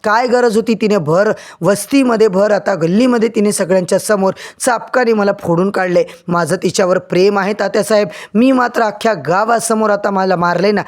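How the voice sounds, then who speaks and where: A man's voice: high voice, brisk, hardly any pauses, close to an everyday voice. A man voicing an angry young heir in a serial recap, indignant and demanding answers. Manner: indignant, shouting complaints.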